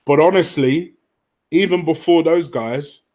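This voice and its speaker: With a fairly high, slightly mellow voice and a somewhat slow delivery, a man hosts a football fan livestream, chatting informally and matter-of-factly, rambling and cursing as he goes.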